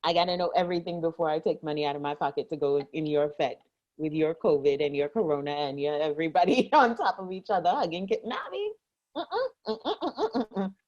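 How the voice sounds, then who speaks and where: A woman's voice: low-pitched, brisk, a little mellow. A woman from Guyana delivers a casual, comedic rant as co-host of an online show. She is exasperated and emphatic, hammering phrases by repeating them. The audio is dull and lo-fi.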